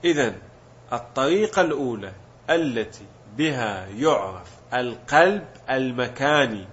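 A man's voice: mid-range voice, expressive, measured pace, a bit bright. A man teaching a grammar lesson, explaining step by step and asking questions he then answers himself. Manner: mixes colloquial Gulf Arabic with classical terms. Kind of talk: Arabic morphology lesson. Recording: dull lo-fi recording.

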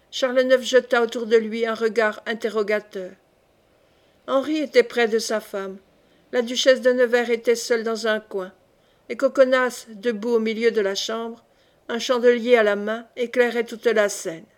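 Woman reading a classic novel aloud. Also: a little high. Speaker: audiobook reader. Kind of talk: audiobook narration.

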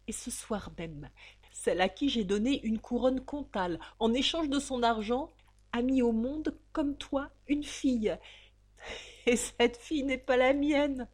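A woman's voice: on the high side, darkish tone, slightly rough, voice pushed up. A woman voicing a scheming, persuasive nobleman. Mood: confiding. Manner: urgent, insistent pleading.

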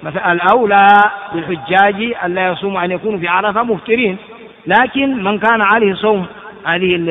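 A man giving an Islamic lesson on Quran commentary, explaining by repeating phrases and asking rhetorical questions. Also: high voice. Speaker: Islamic scholar teaching. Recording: tinny lo-fi recording in echoey hall.

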